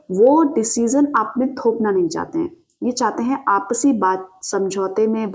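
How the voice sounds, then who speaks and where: Speaking in a slightly high, somewhat mellow voice, a tarot reader delivers a direct-to-camera reading. She explains in detail, raises rhetorical questions, and often uses fillers.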